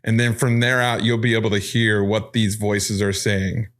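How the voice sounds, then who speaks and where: A man hosting a paranormal podcast, explaining recorded clips step by step in an excited, casual way. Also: lowish voice, normal speed, loud music behind the voice. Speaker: podcast host.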